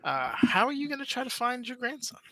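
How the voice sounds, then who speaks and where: A woman's voice: a little high, sing-song, a little fast, fairly bright tone, dry recording, poor audio. A woman narrating as game master in a casual, laughing way, swearing freely. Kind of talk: narrating a live-streamed tabletop game.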